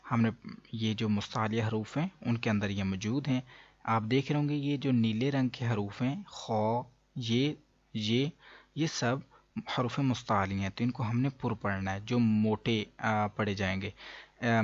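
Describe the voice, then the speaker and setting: A man teaching the pronunciation of Arabic letters in a lesson, pausing to stretch out each letter sound. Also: on the low side, dry recording, lo-fi sound. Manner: patient, drawn-out letter demonstrations.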